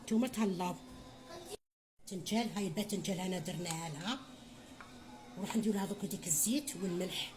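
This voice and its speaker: With background noise behind her, a middle-aged woman speaks fast in a lowish voice, pausing often, as she gives a home cooking tutorial in an Algerian Arabic accent. Her manner is chatty and motherly, with viewers called her children and blessings added freely.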